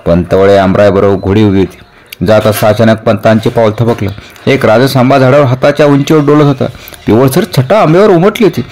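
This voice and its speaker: A man's voice: medium pitch, fairly quick, a little mellow. A man narrating a historical story dramatically, lifting his voice at tense moments. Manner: dramatic, rising with tension, reverent at the close.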